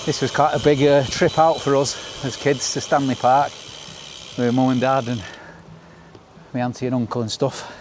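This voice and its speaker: A man's voice: medium pitch, level tone, normal speed. A middle-aged man with a northern English accent gives casual, chatty ride-along commentary outdoors, upbeat like a travel show host. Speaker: cycling vlogger. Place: outdoors on a bicycle. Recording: noisy outdoor recording, wind and traffic.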